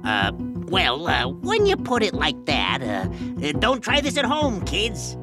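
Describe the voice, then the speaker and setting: A woman voicing a goofy, long-winded former referee in a children's audio comedy, talking slowly with a drawl and dopey reactions. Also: fairly low pitch, wildly swooping pitch, over loud music. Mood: nervous. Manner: slow, drawling, with a gravelly edge and dopey reactions. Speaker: co-host of a kids' story show.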